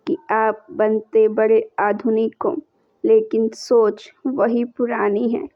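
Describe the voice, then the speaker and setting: A woman's voice: fairly high pitch, no room sound. A woman voicing a young newlywed who confides to her mother in a pleading, tearful way. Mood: upset. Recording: dull lo-fi recording.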